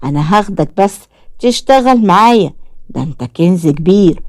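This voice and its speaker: A woman's voice: fairly low pitch, animated, darkish tone, dry recording, studio quality. Woman doing a sly fake sheikh. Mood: menacing. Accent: Egyptian Arabic. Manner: slow, coaxing, sly. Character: sly scheming man posing as a sheikh.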